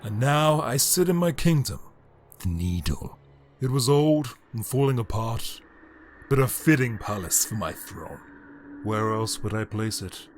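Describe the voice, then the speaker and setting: In a dramatic audio drama monologue, a man with a lowish voice plays a bitter, power-hungry immortal alien emperor. The reader's delivery is brooding and grandiose, with deliberate theatrical pauses.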